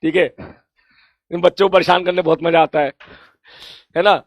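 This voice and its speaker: A man with a hoarse, gravelly voice that sits high, chatting with students before class. He repeats his greetings and laughs easily. The sound is close and dry. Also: fairly even intonation, normal speed, no echo. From India. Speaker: teacher. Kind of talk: casual chat before an online class.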